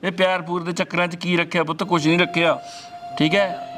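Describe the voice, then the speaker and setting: An actor with a Punjabi accent playing an older village father who scolds his daughter and then gently comforts her. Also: high voice, little pitch movement, a little fast, close to an everyday voice. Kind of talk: rural short film acting.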